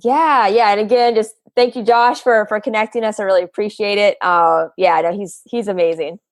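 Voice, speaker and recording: A woman's voice: medium pitch, fairly even intonation, normal speed, no echo. A woman hosting a podcast interview, chatty and casual, with frequent fillers and repeated words. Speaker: podcast host.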